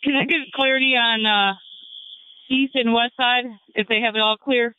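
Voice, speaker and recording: A man's voice: extremely high pitch, steady tone, normal speed, sharp tone, smooth, no room sound. A man working as a firefighter safety officer, reporting over a two-way radio. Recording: tinny, narrow-band emergency radio channel.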